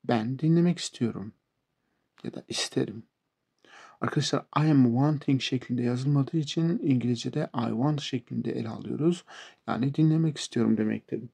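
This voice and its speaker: A man with a Turkish accent explains English verbs to beginners, pausing to repeat each word and example. His voice is deep-toned and mellow, with heavy vocal fry and a husky edge. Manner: slow, repeats words and example sentences. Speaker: English teacher.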